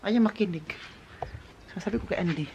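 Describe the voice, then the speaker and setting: Chatty Filipino vlogger, English words mixed in. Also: female voice, mid-range voice, moderate pace, gravelly, muffled recording, heavy background noise. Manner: chatty, mixes in English words, laughs often. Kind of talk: casual vlog chat to viewers. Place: home in Germany, indoors and outdoors.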